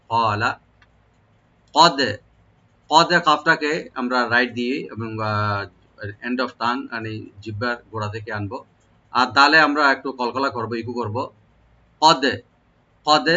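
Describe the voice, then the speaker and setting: Recitation teacher, male, bright voice, slow drawn-out words, dull lo-fi sound. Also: mid-range voice. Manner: breaks off to spell out letter sounds, repeats words slowly and drawn out. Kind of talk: tajweed lesson, explaining then reciting verses slowly.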